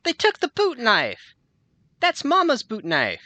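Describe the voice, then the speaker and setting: A man's voice: extremely high pitch, huge pitch swings, unhurried, bright, forceful tone, no echo, pitched above the performer's own voice, full character voice. A man voicing a panicky young male thug who has been taken prisoner, frantic and cursing. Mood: panicked.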